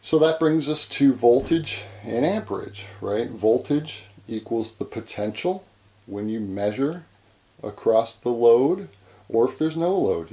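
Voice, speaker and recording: A man giving an informal chalkboard lecture as an instructor, halting and repetitive, often checking in with "right?". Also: medium pitch, dark tone. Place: indoors at a chalkboard.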